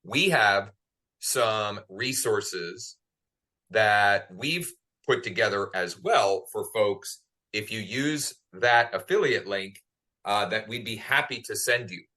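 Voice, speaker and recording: A man, a real estate agent, speaking on a webinar in a deliberate, pausing way with fillers. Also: lowish voice, pushed and bright. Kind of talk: webinar talk.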